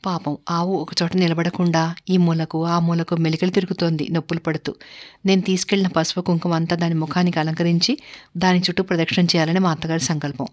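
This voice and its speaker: A woman narrating a family story in the first person, steady and unhurried. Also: on the low side.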